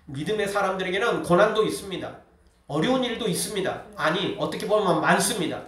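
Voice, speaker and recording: A man's voice: sits high, animated, fairly quick, fairly bright tone. A male pastor preaching a sermon with emphasis, often dropping a short "yes" between phrases. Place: church sanctuary. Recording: very echoey hall, distant mic.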